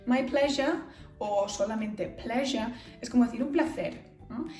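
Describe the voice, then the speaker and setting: Soft background music plays in a roomy space as an English-accented teacher from England explains phrases patiently, switching between English and Spanish. Her voice is a little high with a dark tone, and she speaks at a moderate pace.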